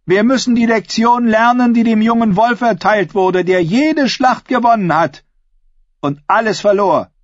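A man voices a bold, defiant young noblewoman in a dramatic audiobook, pitching his high voice above his natural register. He speaks at a measured pace in a declamatory, challenging manner, with no echo and dull audio.

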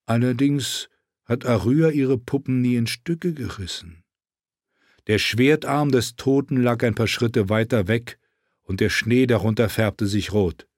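A man narrating a fantasy novel aloud in a steady, measured reading. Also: medium pitch, dry recording, clean studio sound. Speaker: audiobook narrator.

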